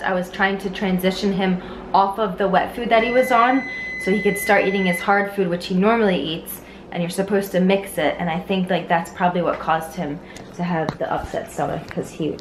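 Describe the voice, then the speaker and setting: A woman's voice: mid-range voice, slight background noise, poor audio. A young woman vlogging casually into a handheld camera, chatty and talking to her pets. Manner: chatty, talks sweetly to her cats. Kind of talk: casual vlog chat. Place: home kitchen and rooftop. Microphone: handheld camera at arm's length.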